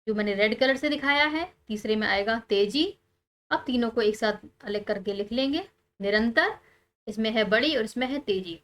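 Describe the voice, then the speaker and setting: A woman teacher, calmly explaining textbook answers step by step and pausing on key words. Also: fairly high pitch.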